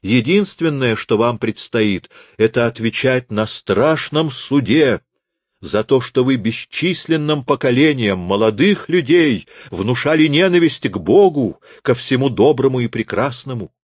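A man's voice: medium pitch, animated, measured pace, no echo, pitched above the performer's own voice. Brief: a man playing a mocking, theatrical young man in an audiobook. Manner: scornful and theatrical. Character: brash young man mocking his old teacher.

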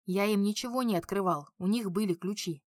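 A woman's voice: mid-range voice, fairly quick, dry recording, studio quality, close to an everyday voice. A woman reading a bitter, worn-out beaten man. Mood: weary. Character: bitter beaten French man, cold and weary.

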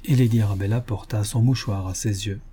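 A man narrating a classic novel as an audiobook, in a steady, measured reading. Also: on the low side, breathy edge.

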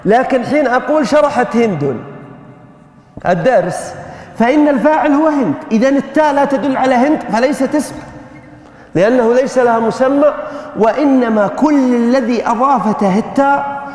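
A man's voice: very high-pitched, a little fast, a little mellow, reverberant, big-room sound. A man teaching grammar in a classroom lecture, questioning his students as he explains.

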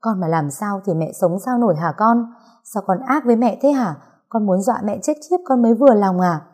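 A woman voicing a frantic, emotional young mother in a storybook reading, loud, scolding and tearful. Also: lowish voice, lively intonation, moderate pace, slightly rough.

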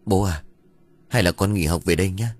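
A man's voice: low-pitched, moderate pace. A man voicing an earnest young eldest son who pleads with his grieving father. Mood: earnest pleading.

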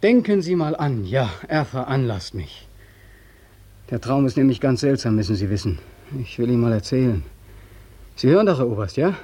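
An actor playing an exhausted young soldier back from the war in a 1940s radio drama, speaking with weary, bitter irony. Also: male voice, mid-range voice, dark tone, breathy edge. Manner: bitterly ironic, weary, repetitive address.

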